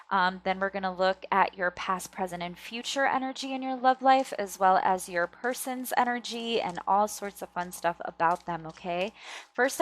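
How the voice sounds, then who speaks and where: A woman hosting a casual pick-a-card reading, chatting to viewers and often checking in, with slightly thick-tongued, stumbling articulation. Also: medium pitch. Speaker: tarot reader and video host.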